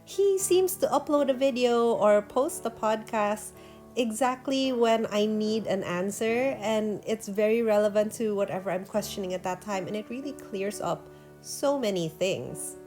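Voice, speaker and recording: A woman vlogger and painter does a casual one-take voiceover, chatty and earnest, her nose stuffy and a bit nasal from allergies. Her medium-pitched voice is measured and slightly mellow, with faint music behind it.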